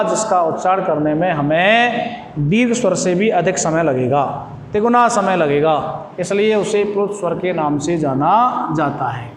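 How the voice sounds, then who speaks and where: High-pitched male teacher in echoey classroom. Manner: slow, repetitive dictation pace. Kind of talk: classroom lesson. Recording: echoey classroom with long reverb, faint noise.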